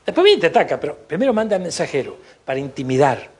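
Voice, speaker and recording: A man's voice: fairly high pitch, big pitch swings, rapid-fire, darkish tone, breathy edge. A man with an Argentine Spanish accent preaching a sermon as pastor, emphatic, with frequent asides of praise.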